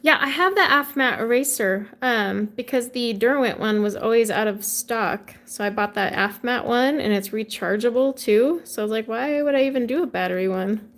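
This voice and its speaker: Brief: woman, thirties, relaxed chatty stream host, voice a touch high. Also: moderate pace, hardly any pauses. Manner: chatty, reads out and answers viewer comments with light laughs. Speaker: livestream host coloring with viewers. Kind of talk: casual chat while coloring.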